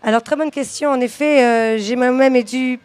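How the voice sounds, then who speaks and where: A high-pitched woman with a darkish tone and fairly even intonation talks at a moderate pace, with no room sound. She founded an outdoor school and is giving a radio interview at an outdoor event, switching between English and French, fluent yet full of fillers and restarts.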